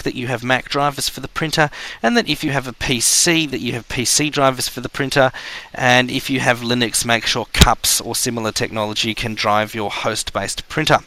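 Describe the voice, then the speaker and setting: Bright-voiced man teaching a computer class. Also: medium pitch. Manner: casual, rambling, many ums. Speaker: computer course instructor. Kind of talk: spoken class lecture.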